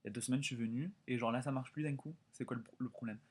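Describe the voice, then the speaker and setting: A young man in his twenties from France telling a story in a casual vlog, animated and chatty with lots of quoted dialogue. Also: medium pitch, very fast, slightly rough. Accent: French. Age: 20s. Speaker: vlogger.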